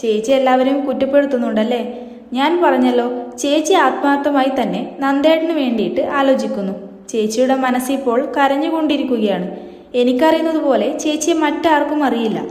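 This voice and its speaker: A woman's voice: high voice, brisk, a little mellow, close to an everyday voice. A woman reading out the lines of an earnest young woman comforting her elder sister in a soap serial, in her own voice. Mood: coaxing. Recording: roomy with long reverb.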